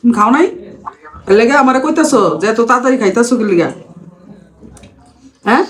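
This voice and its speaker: A woman's voice: on the high side, fairly quick. Bangladeshi woman chatting with her mouth full. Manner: talking with mouth full while eating. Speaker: vlogger. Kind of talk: casual mealtime chat.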